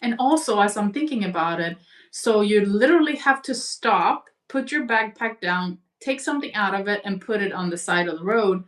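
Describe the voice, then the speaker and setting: A woman in a spiritual conversation, speaking reflectively and gently, over a video call. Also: mid-range voice, expressive, normal speed, far from the mic. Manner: reflective, gentle, uses imagery. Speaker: guest.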